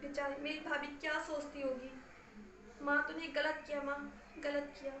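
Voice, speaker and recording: A woman's voice: sits high, level tone, moderate pace, sharp tone, reverberant, a little hiss or hum. A woman playing an angry married daughter who scolds her mother with emphatic repetition in an acted family story. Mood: reproachful. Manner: reproachful, emphatic, repeating herself.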